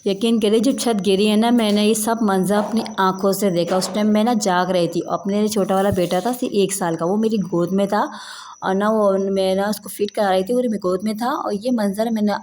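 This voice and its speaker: A woman in her thirties from Pakistan speaks into a handheld phone in her home, in a vlog. Her voice is mellow and warm, sitting at an ordinary pitch. She talks in an earnest, emphatic way, pressing her points with repeated assurances. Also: fairly even intonation, brisk, slight background noise. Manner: earnest, emphatic retelling, often repeating "believe me". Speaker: vlogger, mother. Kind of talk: home vlog, personal storytelling. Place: at home, indoors.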